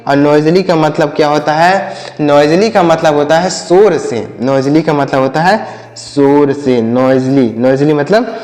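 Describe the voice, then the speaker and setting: A man's voice: fairly high pitch, unhurried, darkish tone. Male English teacher in an echoey room. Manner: spells words letter by letter and repeats each meaning; calls the children and asks them questions. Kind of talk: spelling and vocabulary lesson for children. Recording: echoey room with long reverb.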